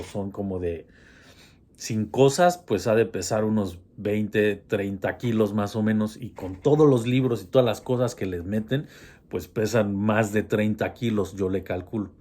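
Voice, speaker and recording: A man's voice: lowish voice, mellow. A man telling a personal horror story in a casual, hesitant way, with many restarts.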